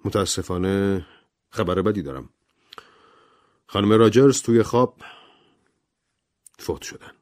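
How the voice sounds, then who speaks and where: A man voicing a composed middle-aged doctor who speaks in a measured, grave way. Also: on the low side, a little mellow, natural voice.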